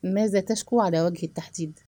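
A woman voicing a composed, proud young male doctor who asks calm, probing questions. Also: on the low side, fast talker, dry recording, close to an everyday voice.

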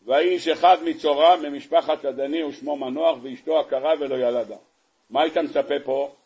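A man, a rabbi, giving a sermon on the weekly Torah portion, telling the story in an animated way and throwing rhetorical questions at his listeners. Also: a little high, vocal fry, husky. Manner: animated storyteller, acting out the scenes; asks the audience rhetorical questions.

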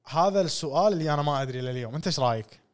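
A man hosting a casual podcast chat, playful and quick, slipping into English now and then. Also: on the high side, lively intonation, smooth. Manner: playful, quick, slips into English and mimics accents. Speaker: podcast host.

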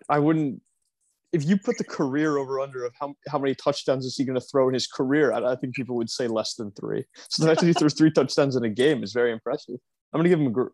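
A young man co-hosting a casual sports podcast, arguing his points in a measured way with restarts. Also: mid-range voice, darkish tone, dry recording. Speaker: podcast co-host.

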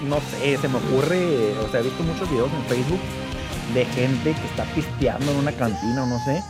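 Man, easygoing chat storyteller, mid-pitched, music clearly audible behind. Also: fairly quick. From Mexico. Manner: conversational storyteller, frequent affirmations. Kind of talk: casual chat.

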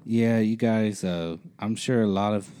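A man's voice: on the low side, fairly even intonation, unhurried, mellow, slight background noise. A man co-hosting a podcast in casual chat, laid-back, with many fillers and casual swearing. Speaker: podcast co-host.

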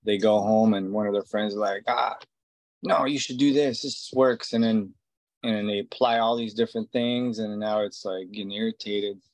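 A man's voice: lowish voice, fairly even intonation, moderate pace, dry recording. A man in his forties from Israel, a tattoo artist, talking casually in an interview and rambling with many fillers and restarts. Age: 40s.

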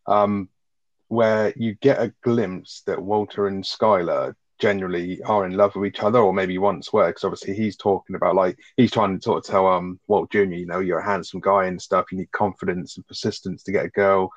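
A man's voice: sits low, dry recording. A man chatting casually about a TV episode, opinionated and swearing freely. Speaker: podcast co-host. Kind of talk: casual recap chat. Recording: dull, dry sound.

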